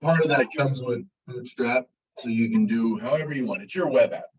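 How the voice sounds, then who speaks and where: Man, college instructor, casual lecture, monotone, heard from afar, dull muffled sound. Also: mid-range voice, normal speed, breathy edge. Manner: casual, relaxed, self-described monotone. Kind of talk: classroom lecture. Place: classroom. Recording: muffled, distant classroom recording.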